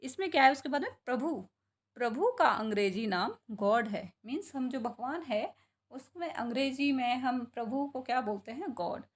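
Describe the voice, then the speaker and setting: A woman's voice: high-pitched, animated, normal speed. A woman teaching a class, spelling out words sound by sound and asking questions she answers herself. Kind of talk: classroom lesson.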